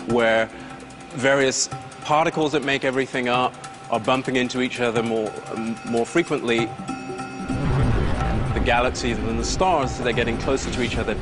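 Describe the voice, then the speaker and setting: A man with a medium-pitched voice gives a plain, illustrative explanation in documentary interview style. He sounds like an expert walking a listener through an idea. Music is clearly audible underneath. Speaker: expert commentator.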